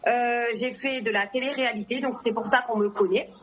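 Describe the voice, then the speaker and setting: Brief: woman in her twenties, from Guadeloupe, high voice, blunt and unfiltered. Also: fairly even intonation, fairly quick, a little hiss or hum. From Guadeloupe and Morocco. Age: 20s. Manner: blunt, outspoken. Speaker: reality TV personality, guest.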